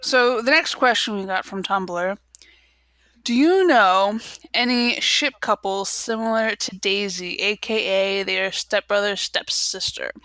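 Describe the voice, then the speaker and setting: A woman's voice: mid-range voice, unhurried, sharp tone, no echo. A woman co-hosting a casual podcast chat, giggling often and rambling with fillers. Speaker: podcast co-host.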